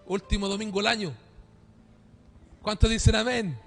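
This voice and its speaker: Pastor, male, high-pitched, dynamic preacher asking questions, faint music behind. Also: fairly even intonation, normal speed, gravelly, fairly bright tone. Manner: dynamic preaching, calls for amen, rhetorical questions. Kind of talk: sermon. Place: church.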